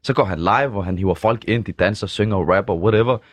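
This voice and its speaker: A man's voice: lowish voice, dry recording. A man co-hosting a casual studio talk show, telling the group's story and acting out quoted voices. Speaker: podcast co-host. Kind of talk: casual chat. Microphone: studio mic.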